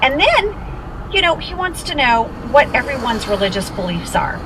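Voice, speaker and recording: A woman with a high voice co-hosts a casual recap podcast. She tells stories in an animated way and slips into quotes. The recording has clear car and road noise over it. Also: normal speed. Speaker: podcast co-host. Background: vehicle and outdoor traffic noise.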